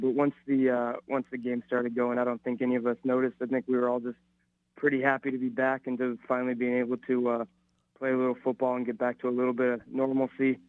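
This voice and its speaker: A male football coach heard over a thin, tinny phone line, talking quickly with lots of hesitations and fillers. His voice is dry and close, without any room sound around it. He speaks at a middle pitch for a man. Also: no echo. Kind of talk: radio interview guest.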